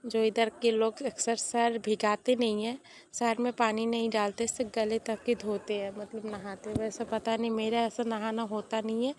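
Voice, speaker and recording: A young woman talks through her household chores in a relaxed voice-over, her throat a little hoarse and her voice sleepy. She sits a bit high in pitch and stays fairly flat, rambling on in a chatty, confiding way, with faint noise underneath. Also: normal speed. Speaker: vlogger. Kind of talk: casual voice-over narration of daily chores.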